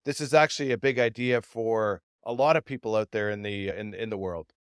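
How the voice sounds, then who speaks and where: A man's voice: fairly low pitch, fairly quick, clear, resonant tone, dry recording, clean studio sound. A man hosting a podcast interview, asking long questions with many repeated words. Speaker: podcast host.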